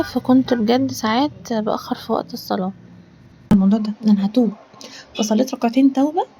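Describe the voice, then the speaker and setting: A woman's voice: fairly high pitch, warm tone, slight background noise. A woman with an Egyptian Arabic accent, hosting a casual cooking vlog from her kitchen, talking in an earnest, rambling way and now and then dropping to a whisper. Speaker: cooking channel host. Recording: dull lo-fi sound with faint room ambience.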